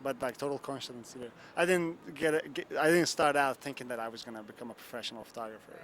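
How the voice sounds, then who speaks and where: A young Turkish photographer, interviewed as a guest at a bar and grill, answers in a loose, rambling way packed with fillers and "you know what I'm saying." His mid-range voice is fast and fairly bright, with a little hiss or hum on the recording.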